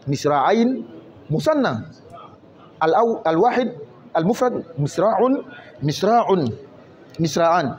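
A man's voice: high-pitched, a little mellow, highs cut off. A man teaching a grammar lesson, explaining patiently through many examples and often asking whether the listener has understood.

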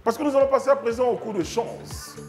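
A man's voice: very high-pitched, quick pace, a little mellow. A man hosting a TV game show in a studio, playful and joking, quizzing contestants on foreign words. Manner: playful, joking, mock German accent. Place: TV studio set. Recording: music playing behind. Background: music.

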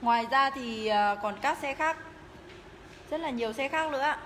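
A woman giving a live, promotional sales pitch as she walks through shop rooms, repeatedly urging viewers to get in touch. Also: moderate pace, a bit bright. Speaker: motorbike shop livestream seller. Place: tiled indoor motorbike showroom rooms and stairwell. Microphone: handheld phone, held by the walking speaker. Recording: noisy phone audio in echoing hard-walled rooms.

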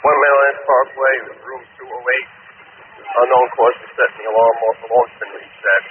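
A man, a fire officer, giving brisk, clipped reports over firefighter radio. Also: mid-range voice, fairly even intonation. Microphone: two-way radio. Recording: tinny two-way radio with faint noise.

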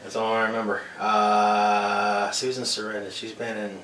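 A man's voice: lowish voice, monotone, a little slow, fairly bright tone. A middle-aged man bantering casually in a challenge game, sweary and grumbling. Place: small curtained room indoors. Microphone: camera a few feet away. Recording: echoey room, distant mic, noisy hum.

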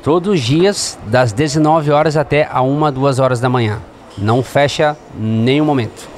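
This man in his thirties manages a restaurant and is interviewed in its dining room, talking at normal speed in a medium-pitched voice. He explains plainly, sprinkling in "né" tags, while the host holds a handheld mic and slight background noise is audible.

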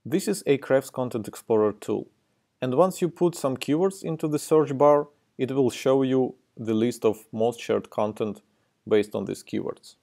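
Gravelly man with a Russian accent. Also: medium pitch, normal speed, mellow. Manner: friendly, plain and instructive. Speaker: host of a marketing tutorial video. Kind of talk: explaining a step-by-step tutorial.

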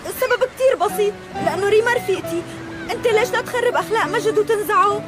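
A woman's voice: very high voice, rapid-fire, a loud crowd. An actress playing a stubborn, jealous young girlfriend in a TV drama dub, with a Syrian Arabic accent. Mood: jealous, annoyed. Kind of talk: dubbed TV drama dialogue. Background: loud music.

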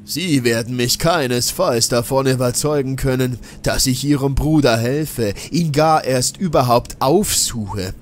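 A man voicing a vengeful old madman, speaking slowly with a mocking, menacing manner in a horror audiobook. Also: medium pitch, a little hiss or hum, voice pushed up, lightly acted. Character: eerie old man, a scheming vengeful mad scientist.

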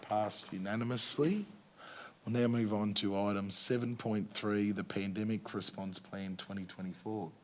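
Low-voiced Australian man chairing a council meeting. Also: steady tone. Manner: procedural, brisk, with fillers. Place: council chamber.

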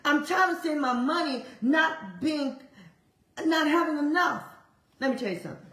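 A woman preaches with fervent, repetitive exhortation, her fairly high voice leaping up suddenly as she presses her point. The sound carries a roomy echo. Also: lively intonation, moderate pace, fairly bright tone. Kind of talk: sermon.

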